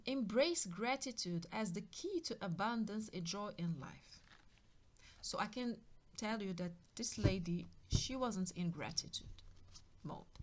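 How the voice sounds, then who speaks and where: A woman's voice: mid-range voice, slight background noise. A woman giving a spiritual tarot reading, musing and repeating herself, now and then dropping into a whisper. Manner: musing, repetitive, drops into whispers. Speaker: tarot card reader.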